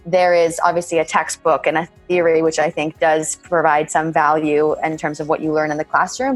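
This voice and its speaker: Low, flat-voiced woman in her thirties. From born in Bulgaria, raised in California. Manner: measured, often says "kind of". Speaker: MBA graduate interviewee. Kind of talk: reflective interview answers.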